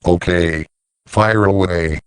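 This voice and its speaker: A man voicing scripted dialogue for an animated story about talking machines. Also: low voice, slow, smooth, no echo. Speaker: voice of talking siren characters.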